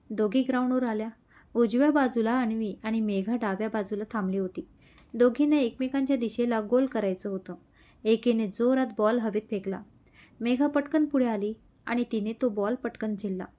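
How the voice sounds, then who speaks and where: A woman storyteller reading a romantic serial in steady, scripted narration. Her voice is warm and mellow. It sits a little higher than most. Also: moderate pace.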